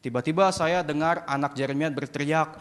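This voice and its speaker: A man preaching a sermon to a youth congregation as an animated, joking storyteller. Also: a little high, brisk. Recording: echoey church hall.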